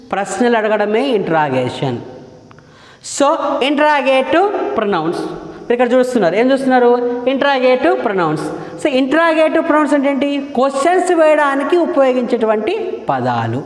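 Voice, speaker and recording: A male grammar teacher explains a lesson in a question-and-answer style, asking his listeners questions, answering them himself, and repeating key terms. He slows down to dictate English definitions. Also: sits high. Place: room with a board. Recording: echoey room with long reverb.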